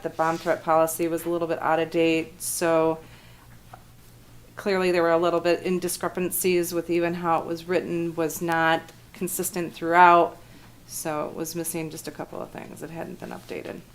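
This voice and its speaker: A woman's voice: on the low side, level tone, moderate pace. A woman on staff explaining things informally at a public meeting. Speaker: staff member reporting to a commission. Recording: faint background noise in meeting.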